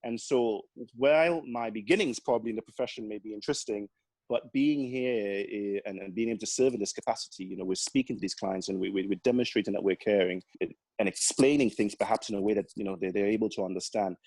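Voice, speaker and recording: Fast and fairly low-pitched with a darkish tone, this Grenadian man's Caribbean-accented voice comes through a rough but echo-free recording. He's an accountant chatting as an interview guest, earnest and frequently starting his sentences over.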